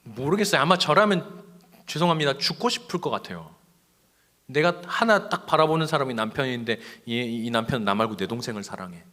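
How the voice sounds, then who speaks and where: A middle-aged man, a pastor, preaching a sermon in a church, moving between loud emphasis and soft whispers. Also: mid-range voice, lively intonation, fairly quick. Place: church sanctuary.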